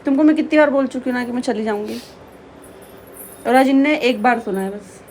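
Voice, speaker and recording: A woman's voice: fairly high pitch, brisk, darkish tone, slight background noise. A young woman chatting casually to her vlog viewers and reassuring her mother-in-law. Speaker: vlogger. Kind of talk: casual family vlog talk.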